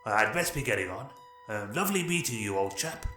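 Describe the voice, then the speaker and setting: A man voicing the Doctor, an eccentric, genteel alien time traveller who talks softly and politely and explains things with many a "well". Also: on the low side, expressive, fairly quick. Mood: breezy. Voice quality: polite, fussy, old-fashioned English phrasing. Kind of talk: audiobook character voice. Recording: roomy echo, distant mic, faint music.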